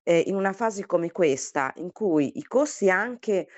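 A hoarse official explaining budget matters with measured care and frequent pauses to hunt for words. The voice sits at a middling pitch and comes through a dull, muffled line. The sound is close and dry, with no room around it. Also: expressive, darkish tone, no room sound. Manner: measured, with frequent hesitation fillers. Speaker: regional councillor. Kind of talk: policy explanation in an interview.

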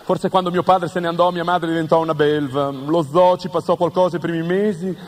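A man delivering an absurdist stand-up monologue full of deadpan wordplay and mock-serious questions. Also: fairly high pitch, brisk, slight background noise. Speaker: comedian.

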